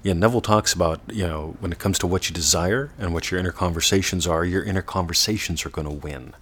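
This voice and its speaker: Low husky guy doing a slow self-help talk, stretches words out, half whispers a lot. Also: fairly bright tone. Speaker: teacher. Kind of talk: meditative self-development talk.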